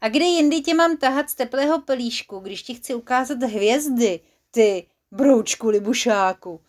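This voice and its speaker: A woman's voice: fairly high pitch, close to an everyday voice. A woman doing a wide-eyed wandering sprite girl. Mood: amazed. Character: curious wandering female underground sprite.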